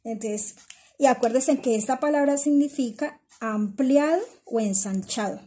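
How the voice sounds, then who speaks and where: A middle-aged woman teaches a pattern-making class in a slightly high, husky voice. She talks her students through each step patiently, repeating the numbers and calling them "my girls". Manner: patient, explains slowly and repeats measurements; addresses students warmly as "my girls". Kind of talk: step-by-step instructional lesson.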